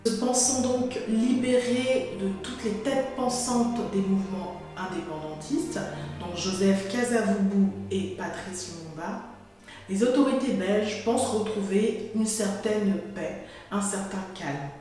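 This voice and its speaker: A woman's voice: mid-range voice, mellow. Woman explaining history in an echoey room. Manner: clear storytelling, addresses the viewer directly. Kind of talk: educational narration to camera. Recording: echoey room with faint music.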